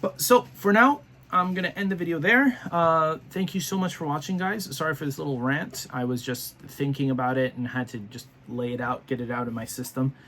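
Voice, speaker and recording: A man's voice: mid-range voice, fairly even intonation, a little fast, hardly any pauses, sharp tone, a little hiss or hum. Rambling, tired male toy reviewer. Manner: rambling, chatty, frequent fillers and restarts. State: tired, yawning. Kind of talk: casual talking-to-camera review.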